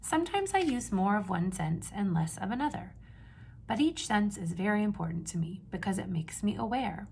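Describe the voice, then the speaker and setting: A gravelly, darkish, animated voice at medium pitch belongs to a woman reading a picture book to young children, teacher-style, with key words stressed. She asks simple questions and holds a pause before confirming answers, over slight background noise.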